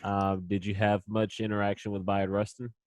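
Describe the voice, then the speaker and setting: A man interviewing, asking his questions softly and hesitantly, with many fillers. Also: fairly low pitch, completely flat delivery, normal speed, no room sound.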